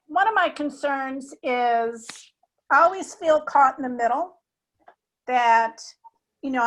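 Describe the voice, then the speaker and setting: A woman's voice: high-pitched, low-quality recording. An older woman asking a question at an online forum, chatty and a touch exasperated, over a video call. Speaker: audience member asking a question.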